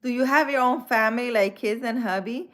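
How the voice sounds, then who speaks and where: Laughing often and sprinkling in Spanish, a woman from the Dominican Republic talks casually with viewers while hosting her stream as a spiritual healer. Her voice sits a little high, fairly bright, and moves at a fairly quick clip.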